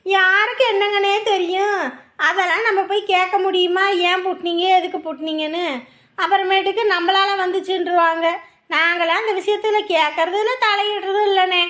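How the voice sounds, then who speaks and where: A woman's voice: very high voice, fairly even intonation, a little fast, fairly bright tone, echoey room. A woman playing a chatty younger sister. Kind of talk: web series acting.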